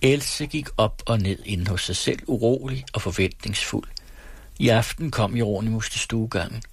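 A man narrating a novel as an audiobook in a steady, measured reading. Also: on the low side, gravelly, breathy edge, no echo.

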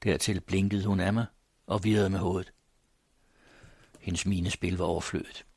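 A man narrating a classic literary story aloud in a measured, solemn manner. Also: sits low, little pitch movement, creaky, a little mellow, breathy edge, no room sound, clean studio sound. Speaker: audiobook narrator.

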